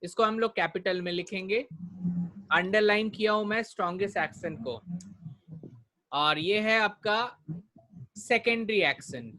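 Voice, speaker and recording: Indian English man as a pronunciation teacher, fairly high voice, syllable-by-syllable drilling. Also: pushed and bright. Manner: drills words slowly, mixing Hindi and English. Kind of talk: online spoken-English class.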